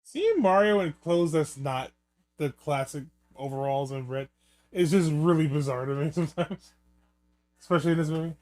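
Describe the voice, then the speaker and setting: A man's voice: fairly high pitch, lively intonation, moderate pace, darkish tone. A man giving casual, rambling and joking film commentary, with some swearing. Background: film soundtrack music.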